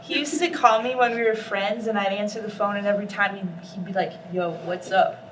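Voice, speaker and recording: A woman's voice: medium pitch, quick pace, fairly bright tone, far from the mic, slight background noise. A woman in a band, chatting playfully in a casual interview, giggling often. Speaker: band member. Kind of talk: casual chat.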